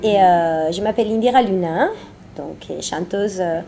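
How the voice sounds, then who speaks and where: Her lowish voice, touched with vocal fry, moves at a moderate pace against background noise. She's a singer-songwriter from Venezuela, a guest in a casual, playful interview, speaking Spanish-accented French as a second language and frequently repeating phrases for emphasis.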